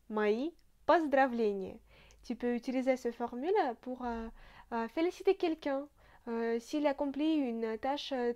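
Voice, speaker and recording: A woman with a Russian accent, a native Russian speaker teaching a language lesson, slow and careful, repeating each phrase with frequent hesitations. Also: sits high, darkish tone.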